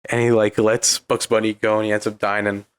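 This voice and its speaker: His voice sits on the low side, smooth and fairly quick, with little pitch movement. The young Californian co-hosts a laid-back podcast chat, recounting a video in a meandering, filler-heavy way that leans constantly on "like."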